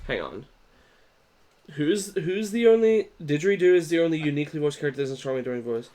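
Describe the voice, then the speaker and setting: Young male streamer, casual and profane, animated delivery, faint music underneath. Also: fairly high pitch, fast. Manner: swears casually, laughs often. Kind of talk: casual gaming stream chat.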